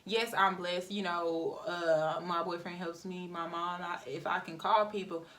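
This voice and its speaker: A woman's voice: on the low side, measured pace. Young woman telling a storytime, off-mic. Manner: animated, talks to viewers as y'all. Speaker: vlogger. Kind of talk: storytime while doing her hair. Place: home, getting ready. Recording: voice somewhat far from mic.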